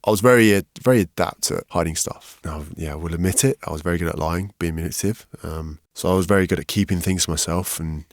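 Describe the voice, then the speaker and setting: A man, a podcast guest, telling his story candidly and frankly, getting animated when he quotes other people. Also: sits low, quick pace, hardly any pauses, no room sound, clean studio sound. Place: podcast studio.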